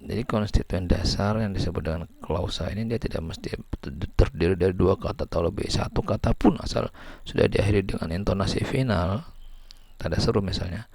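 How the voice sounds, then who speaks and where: A man's voice: low-pitched, fairly quick, gravelly, darkish tone, slight background noise. A man giving a lecture, explaining step by step and reading out example sentences. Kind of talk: lecture on syntax.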